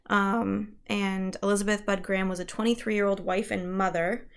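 Her voice is smooth and medium-pitched with little pitch movement, at a normal speed. She's a young woman co-hosting a podcast, rambling through ghost stories with many fillers, restarts and self-corrections, laughing at her own slips.

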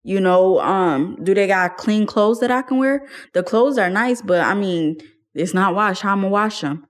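A woman's voice: mid-range voice, moderate pace. A young woman telling her own story in an interview, candid and casual, using slang and laughing often. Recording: faint music underneath.

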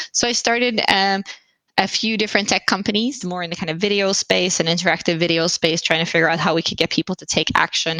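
Woman, low pitch, creaky, dry close sound, reflective interview guest. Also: fairly bright tone, no room sound, poor audio. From Finland. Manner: reflective, with restarts and self-corrections. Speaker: guest investor. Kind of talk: interview answers.

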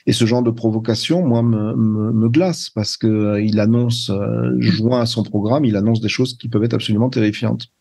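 Older man with a dark husky voice. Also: on the low side, fairly even intonation, normal speed, hardly any pauses. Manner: hesitant, searching for words, many restarts. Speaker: translator, interview guest. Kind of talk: conversational interview.

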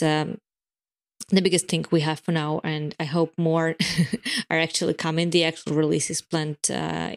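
A woman giving product updates in a casual podcast chat, explaining in long runs with frequent fillers and restarts. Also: deep voice. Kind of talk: casual podcast chat about developer tools.

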